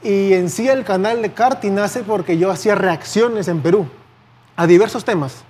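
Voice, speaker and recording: A man's voice: high-pitched, normal speed, darkish tone, a little hiss or hum. Young Peruvian man chatting easily. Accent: Peruvian Spanish. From Peru. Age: 20s. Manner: easygoing, rambling with fillers and restarts. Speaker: guest YouTuber. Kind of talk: casual interview chat. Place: TV studio set.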